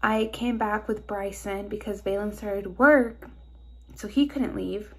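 A woman's voice: medium pitch, steady tone, slow, fairly bright tone, husky. Stuffy-nosed young woman, anxious vlog. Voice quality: nasal. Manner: anxious, rambling with many "like"s. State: stuffed-up nose. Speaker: vlogger. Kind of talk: casual personal vlog. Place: car and hospital hallways, on the move.

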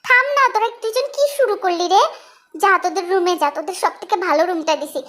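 A woman's voice: very high voice, lively intonation, quick pace, a bit bright. A woman voicing a bossy but soothing village mother-in-law who scolds, then coaxes. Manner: scolding, then coaxing in dialect.

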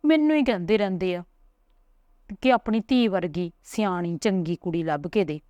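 A woman voicing a chatty, pushy elderly village grandmother who coaxes and talks without pause. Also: on the low side, warm tone, no echo, dull audio, lightly acted. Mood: coaxing. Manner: talks on and on, coaxing.

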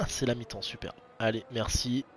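A young man giving casual, excitable live commentary on an online racing league, chatting to his viewers in a slangy, informal way. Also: medium pitch, moderate pace, faint music behind. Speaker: race commentator and streamer.

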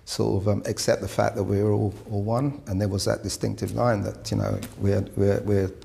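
A man born in Britain, speaking in a measured, halting way in a documentary interview. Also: fairly low pitch, level tone, creaky, warm tone, a little hiss or hum.

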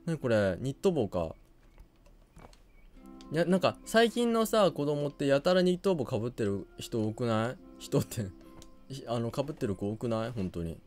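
A hoarse man giving quiet, low-key commentary on a game he is playing, muttering to himself as he goes. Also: very animated, normal speed, soft background music. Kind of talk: quiet let's-play commentary.

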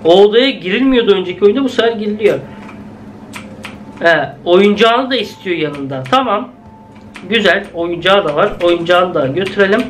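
High-voiced young man, jumpy game commentary. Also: moderate pace, slight background noise. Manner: chatty, jumpy, exclaims at scares, talks to viewers. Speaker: gaming video host. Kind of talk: casual let's-play commentary.

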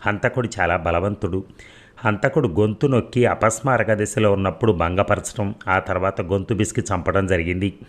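A matter-of-fact doctor, clinical and explanatory, as a man reads him. The reading is deep and low-pitched, from an audio novel. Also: normal speed, close to an everyday voice.

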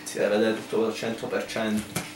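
A young man chatting casually in an excitable, insistent way. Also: lowish voice, a little fast, far from the mic. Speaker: blindfolded challenge participant. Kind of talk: casual chat. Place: home kitchen. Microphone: camera microphone a few feet away. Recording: echoey room, faint background noise.

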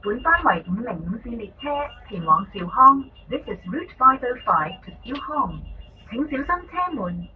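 A woman giving a recorded onboard train loudspeaker announcement in a measured, formal way. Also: fairly high pitch, sing-song. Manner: measured, evenly paced, formal. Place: inside a light rail train. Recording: distant echoey lo-fi loudspeaker in a noisy train car. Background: train running noise.

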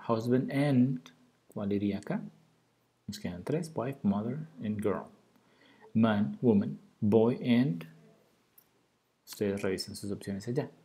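Low, dark-voiced man teaching English basics. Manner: explains in Spanish, models English words slowly. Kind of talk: recorded grammar lesson.

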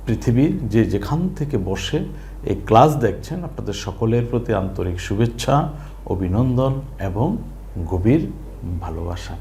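A man's voice: lowish voice, animated, normal speed, dark tone, slight background noise. Man, language teacher, rising and falling tone, patient, repeats sounds for learners. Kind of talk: online language lesson.

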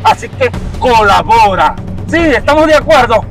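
An actor playing a rough, bossy male kidnapper who barks orders and taunts, over background music. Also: very high-pitched, lively intonation, normal speed. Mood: taunting.

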